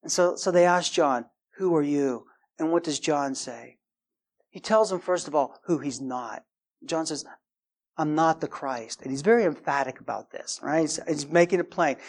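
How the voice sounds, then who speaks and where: A middle-aged man preaching a sermon, emphatic, his voice rising high and loud to stress points. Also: moderate pace. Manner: emphatic, rising in pitch and volume for stress, acts out quoted voices. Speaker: pastor.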